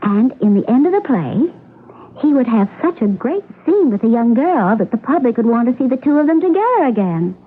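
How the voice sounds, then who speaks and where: A woman acts the part of a cocky, vain, self-assured young actress under suspicion in a radio mystery, her tone boastful and scheming. She speaks briskly in a slightly high voice with big pitch swings. The audio sounds like a muffled lo-fi old radio broadcast, with a little hiss or hum.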